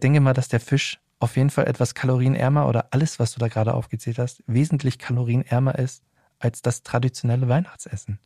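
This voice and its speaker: A man's voice: mid-range voice, little pitch movement, fast, dark tone, no room sound, clean studio sound. A man hosting a podcast, chatting in a friendly way and speaking straight to his listeners. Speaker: podcast host. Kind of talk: casual podcast interview.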